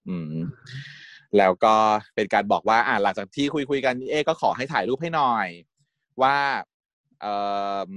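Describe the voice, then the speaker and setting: A man retells a series episode in a loose, chatty way, giggling often and putting on the characters' lines. His pitch sits in the middle of the range. The sound is close and dry, with no room around it. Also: moderate pace, a bit bright, dry recording. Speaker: series recap host. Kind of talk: casual storytelling recap.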